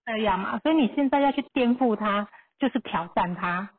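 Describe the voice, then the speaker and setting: A woman with a Taiwanese Mandarin accent, a numerology teacher explaining calmly and reassuringly on a live podcast. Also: a little high, fairly quick. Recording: phone-like narrow-band line.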